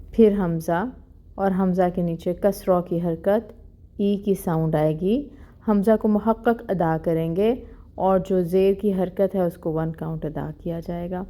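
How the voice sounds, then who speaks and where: A woman teaching tajweed in an online lesson, explaining each rule plainly and reciting verses slowly and drawn out. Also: on the low side, dark tone. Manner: explains rules plainly, mixing in English words.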